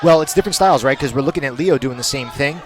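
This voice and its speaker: Fast-talking male fight analyst. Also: mid-range voice, noisy background. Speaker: color commentator and coach. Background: music.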